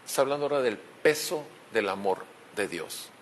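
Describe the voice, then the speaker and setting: A man's voice: mid-range voice, lively intonation, moderate pace, a little hiss or hum. A man with a Mexican Spanish accent preaching a sermon as pastor, asking rhetorical questions and repeating key phrases.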